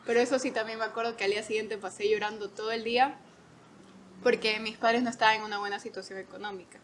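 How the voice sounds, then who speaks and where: Young woman guest on a podcast, kinda high voice, animated storytelling, lots of laughing. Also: fast, slight background noise. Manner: animated, laughs often, acts out quotes. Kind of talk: casual storytelling.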